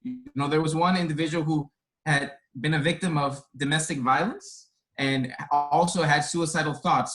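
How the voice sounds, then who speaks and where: Speaking in a fairly high, fairly bright voice, a Spanish-speaking care resource coordinator from Boston, United States, fields a webinar panel question by video call. He answers with earnest reflection, stringing together long, winding sentences. The recording is low in quality.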